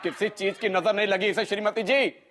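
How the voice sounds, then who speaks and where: A man's voice: high voice, fairly even intonation, moderate pace, music in the background, lightly acted. An actor playing a pompous, formal father who insists on pure words, pedantic and stern. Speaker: father in a family comedy serial. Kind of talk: TV sitcom acting.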